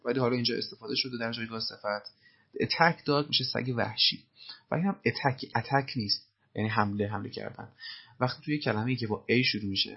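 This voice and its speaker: A man's voice: fairly low pitch, creaky, slightly rough, muffled recording. A man teaching English through film lines, explaining phrases patiently and methodically. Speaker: language teacher.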